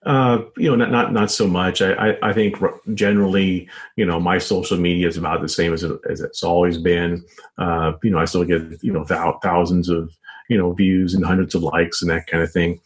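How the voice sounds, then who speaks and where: A journalist and author, middle-aged or older, answers as an interview guest in a deep, level voice. He talks conversationally but haltingly, repeating words often and saying "you know" a lot.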